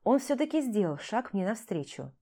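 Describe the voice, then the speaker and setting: Woman, audiobook narrator, first-person narration, wry confiding tone, mellow dark timbre, mid pitch. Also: very animated, normal speed.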